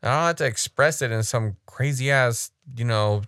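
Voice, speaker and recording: A man's voice: medium pitch, moderate pace, a bit bright, clean tone, dry recording, studio quality. A man casually commenting on a sermon clip, blunt, frank and critical.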